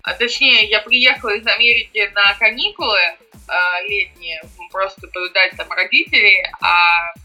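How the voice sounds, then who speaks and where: A woman's voice: mid-range voice, steady tone, normal speed, pushed and bright, faint music behind, poor audio. A young woman answering interview questions casually, with a slushy, sh-like s from braces. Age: young adult. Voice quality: slushy lisp from new braces, sh-like s. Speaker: podcast guest, amateur triathlete and former swimmer.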